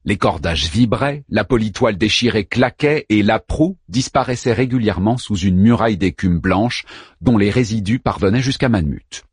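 A man narrating an audiobook with expressive, vivid storytelling. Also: on the low side, normal speed, breathy edge, dry recording, studio quality.

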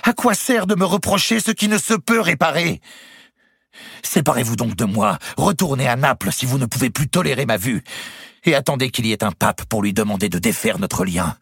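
A man voicing a hot-tempered young king who shouts indignantly and whose voice cracks high when cornered. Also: animated, normal speed, vocal fry, husky, dry recording, clean studio sound, heavily acted. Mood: shrill, whining.

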